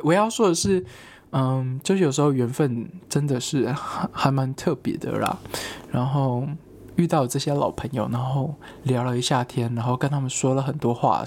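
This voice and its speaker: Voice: medium pitch, creaky, a little hiss or hum. A young adult from Taiwan, casually telling a personal story with many fillers. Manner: chatty, many fillers, lively acted-out quotes. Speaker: vlogger.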